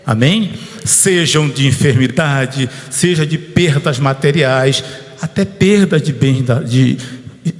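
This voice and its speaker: A pastor preaching an informal sermon at a church service, telling a personal story and calling out to the congregation. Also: male voice, medium pitch, takes it slowly. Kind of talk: conversational sermon. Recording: long church hall reverb.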